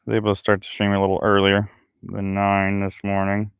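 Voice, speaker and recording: A man with a low, gravelly voice that still sounds smooth and full, chatting casually with his live-stream viewers. He talks loosely while his hands stay busy, out by a creek. The sound is dry and close. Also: completely flat delivery, fairly quick, dry recording. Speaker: fishing livestreamer. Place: outdoors by a creek.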